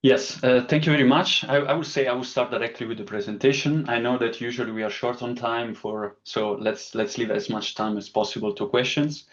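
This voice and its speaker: An Italian-accented man gives a technical webinar lecture over a video call. His pitch sits in a middle range, and he explains step by step, with frequent fillers. The audio has the slightly dull, lo-fi sound of a call. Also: fairly even intonation, fairly quick, few pauses. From Italy. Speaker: webinar speaker.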